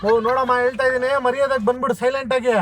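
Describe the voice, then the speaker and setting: Male prank host from Karnataka, quick and teasing with a put-on menace, recorded inside a noisy moving car. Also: very high-pitched, flat delivery. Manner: teasing and mock-threatening. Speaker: prank host posing as a driver. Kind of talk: hidden-camera prank talk.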